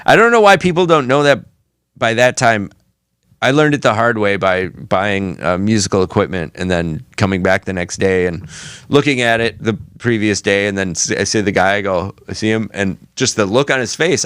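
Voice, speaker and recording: A man with a lowish voice trading wry, laid-back banter on a podcast. The sound is dry and close to the mic, with no room around it. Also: moderate pace, fairly bright tone, clean tone, no echo. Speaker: podcast co-host. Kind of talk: casual chat.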